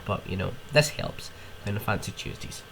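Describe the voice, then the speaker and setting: A man's voice: on the low side, fairly quick, gravelly, fairly bright tone, slight background noise. A young man with a cold, hosting a podcast on his own and ranting in rambling, casual chat, with sniffs and swearing. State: ill with a cold. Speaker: podcast host.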